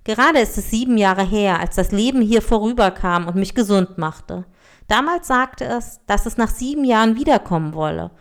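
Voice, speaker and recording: A woman's voice: mid-range voice, expressive, moderate pace, close to an everyday voice. A woman voicing a kind, grateful man who was once crippled, earnest and hospitable, in a storybook reading. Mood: welcoming.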